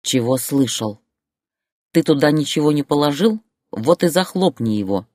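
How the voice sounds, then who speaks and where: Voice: mid-range voice, animated, moderate pace, a little mellow, dry recording, close to an everyday voice. Narrator playing a fed-up wife, sarcastic and cutting, dry close mic. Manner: mocking, biting retorts. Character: fed-up wife, adult woman, turning sharp-tongued. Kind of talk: audiobook character voice.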